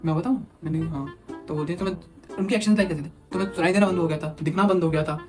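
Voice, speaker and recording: Fast-talking young man telling a story. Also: on the high side. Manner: animated, quotes others in acted asides. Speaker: vlogger. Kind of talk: casual storytelling. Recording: music playing underneath.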